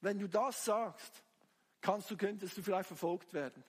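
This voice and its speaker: A man's voice: high voice, moderate pace, slightly rough. A man preaching a sermon with fervor, firing rhetorical questions at the congregation. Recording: long hall reverb.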